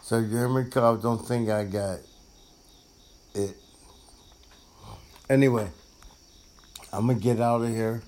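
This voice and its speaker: A man with a smoker's rasp chatting casually and informally to his followers as host of his own show. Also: medium pitch, steady tone, a little slow, pauses often, a little mellow. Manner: informal, repeats himself, addresses listeners directly.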